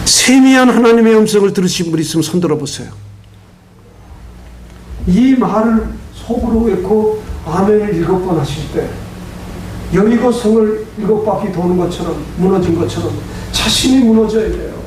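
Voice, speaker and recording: An older man preaching a sermon as pastor, telling stories with lively swings between loud emphasis and quiet asides, and leading the congregation in responses. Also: sits high, moderate pace, slight background noise. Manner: leads the congregation in call-and-response.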